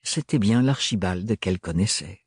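Husky male audiobook narrator. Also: sits low, animated, moderate pace, dry recording, clean studio sound. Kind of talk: scripted narration.

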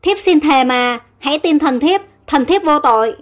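Woman doing a terrified young court lady, pleading, panicky, high voice. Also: expressive, moderate pace, faint music behind.

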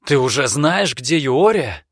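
Putting on a desperate, cornered young noble, a deep-voiced male narrator raises his pitch well above his natural register and drives it hard in tense, emphatic bursts. This take is sing-song, unhurried, and fairly bright, recorded close and dry with no room sound.

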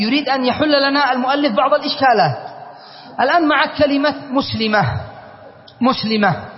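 A man teaching a classroom grammar lesson, quizzing his students and spelling out word forms. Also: very high-pitched. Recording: dull long-reverb lecture hall recording.

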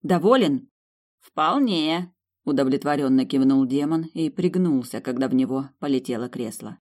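A woman narrating a fantasy novel in the first person, lively and rising sharply in the dialogue. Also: a bass voice, a little fast. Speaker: audiobook narrator.

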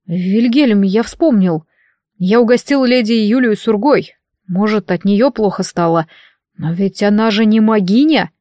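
A woman's voice: mid-range voice, unhurried, no echo, studio quality, lightly acted. A woman voicing an anxious, eager young prince talking to his older brother. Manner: excited, pleading.

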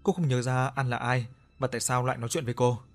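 A man narrating a horror audiobook in a steady, even reading. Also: medium pitch, fast, faint music behind.

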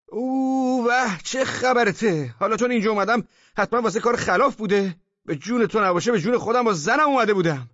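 A man voicing a brash, cheating man who loudly and indignantly defends himself, in a storybook reading. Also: sing-song, breathy edge, dry recording, highs cut off. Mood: pleading. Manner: loud, indignant, high-strung.

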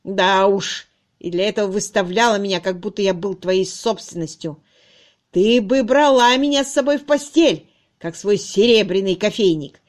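A woman's voice: mid-range voice, moderate pace, close to an everyday voice. A woman reading a cruel, sneering young male farmhand in an audiobook, harsh and mocking.

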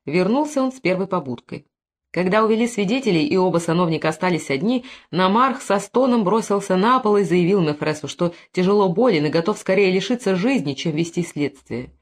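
A woman narrating an audiobook in an even, expressive reading style. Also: on the low side, fairly quick.

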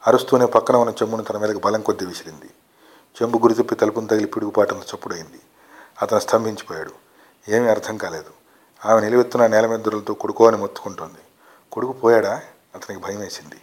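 Fast-reading low-voiced male storyteller. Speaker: story reader. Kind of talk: reading a short story aloud.

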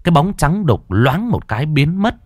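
A man telling a ghost story in a lively, dramatic way. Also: fairly high pitch, moderate pace, a little hiss or hum.

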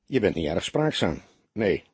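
Man doing a touchy police fingerprint man, curt questions, husky, lively. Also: sits low, unhurried, dry recording, full character voice. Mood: aggrieved. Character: aggrieved male police fingerprint technician.

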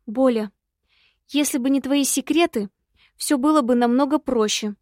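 A woman voicing a spirited young heroine in an audiobook, brisk and insistent. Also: fairly high pitch, a little mellow, no echo, studio quality, lightly acted. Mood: pressing.

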